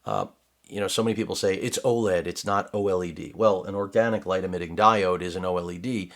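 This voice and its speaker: Talking fast in a low, fairly bright voice with fairly even intonation, a middle-aged man reviews a laptop in his home studio. As a tech reviewer doing casual unboxing commentary, he rambles, digresses, and keeps throwing in sarcastic asides.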